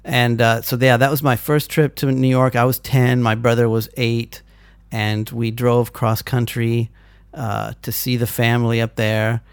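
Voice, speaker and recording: A man in his forties interviews someone in a casual conversation, steering it in a friendly, easygoing manner and pausing to recall old memories. His ordinary mid-pitched voice is level, clear, and resonant. The sound is dry and close, without any room echo.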